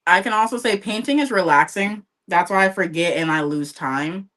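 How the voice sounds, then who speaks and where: Bright-voiced chatty woman gossiping. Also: on the low side, normal speed. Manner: chatty, gossipy, animated storytelling. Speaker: livestream co-host. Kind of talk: casual chat while painting. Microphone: livestream setup.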